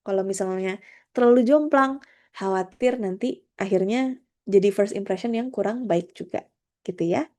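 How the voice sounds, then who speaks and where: Warm-voiced woman coaching on interviews. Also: medium pitch, moderate pace. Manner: friendly, conversational, with English terms mixed in. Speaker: career trainer. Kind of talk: online workshop presentation.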